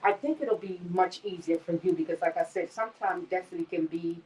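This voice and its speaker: A woman's voice: lowish voice, fairly quick, darkish tone, slight background noise. A middle-aged woman co-hosting a casual live stream, chatty and repeating herself as she greets viewers by name. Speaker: live-stream co-host, mother. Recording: voice a bit distant from the mic.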